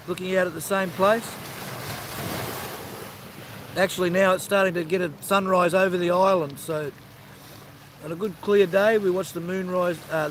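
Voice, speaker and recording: A man's voice: high voice, noisy background. An Australian man chatting easygoing to viewers on a live stream, greeting them by name. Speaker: livestream host. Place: outdoors by the sea.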